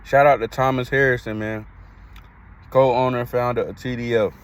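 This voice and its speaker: A man's voice: medium pitch, steady tone, normal speed, clean tone. Man, podcast host, casual sports talk, blunt, slangy, repetitive. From Greensboro, North Carolina. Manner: blunt, slangy, repeats himself for emphasis.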